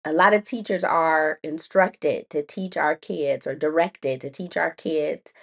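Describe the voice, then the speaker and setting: A woman educator hosts a podcast in a low, somewhat slow voice with vocal fry. Her writing lesson is casual and chatty, full of ums and restarts, and she often laughs at herself.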